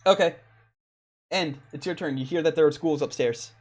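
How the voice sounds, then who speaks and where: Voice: mid-range voice, normal speed, darkish tone. Game master, tabletop session, reads descriptions aloud, hesitant, filler-heavy. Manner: hesitant, lots of ums and uhs. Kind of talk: running a tabletop game and reading room descriptions.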